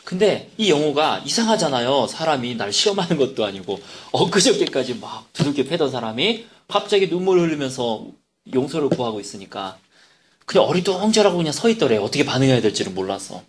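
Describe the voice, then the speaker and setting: A man preaching in a church, a pastor telling a story in an animated way with quoted dialogue. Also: medium pitch, fairly quick, slight background noise. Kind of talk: sermon storytelling.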